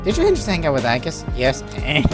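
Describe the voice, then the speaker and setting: A woman giving casual Let's Play commentary, jokey and sweary as she reacts out loud, with game music behind her. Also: sits low, huge pitch swings, a little fast. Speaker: gaming video host. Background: video game music.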